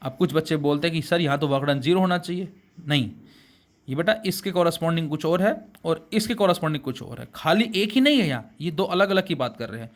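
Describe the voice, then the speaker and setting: A fairly high, expressive male voice moves fairly quickly through a classroom physics lecture in Hindi laced with English terms. The teacher calls his students beta and answers the rhetorical questions he asks.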